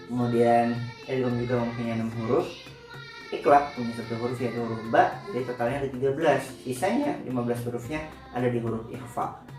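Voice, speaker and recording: A man's voice: mid-range voice, a little mellow. Male religious-reading teacher, patient explainer who corrects himself often; faint music behind, recorded off-mic. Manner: patient step-by-step explaining with frequent self-corrections. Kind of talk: recorded classroom lesson. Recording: roomy echo, distant from the mic, faint music.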